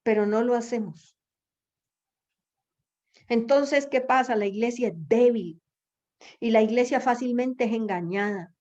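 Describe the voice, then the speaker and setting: High-voiced woman preaching with urgency. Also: measured pace, pauses often, darkish tone. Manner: exhorting, rhetorical questions, repeats phrases for emphasis. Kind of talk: sermon. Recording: dull lo-fi recording.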